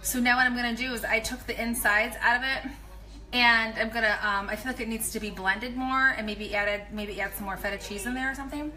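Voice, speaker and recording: Speaking a little fast at a fairly high pitch, a pregnant nutrition coach in her thirties chats and rambles through kitchen meal prep tips on a casual live video. She holds the phone at arm's length and adds animated asides; the recording is rough.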